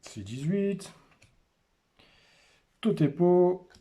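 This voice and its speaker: A man hosting a casual unboxing, naming cards one by one in short, unhurried remarks. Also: high voice, lively intonation, dark tone. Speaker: host opening a card display.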